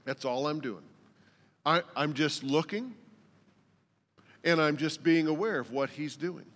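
A man's voice: a little high, measured pace, fairly bright tone, long reverb tail. An older man, a lead pastor, preaching a sermon in a folksy, joking storytelling manner. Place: church sanctuary.

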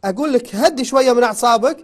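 A man hosting a call-in show, insistently trying to calm down a shouting caller. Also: very high-pitched, very fast. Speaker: host.

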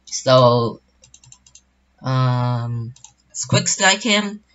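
A man's voice: mid-range voice, animated, drawn-out words, fairly bright tone, muffled recording. A young man commentating his own online game battle in a casual, rambling way, full of fillers and restarts. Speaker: gaming channel host.

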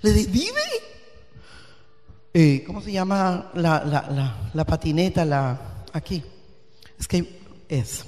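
A woman pastor preaches with fervor, dropping to near-whispers and then building to loud, emphatic peaks. Her voice rings out with the long reverb of a church hall. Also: deep voice, slow pace. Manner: passionate, swinging from hushed to loud and emphatic. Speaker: guest pastor. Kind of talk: sermon.

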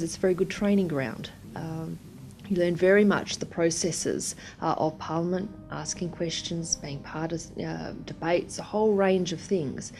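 A woman politician speaks at a lowish pitch in a mellow, dark tone. She answers hesitantly with many filler sounds, and faint music plays behind her. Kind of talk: interview answer.

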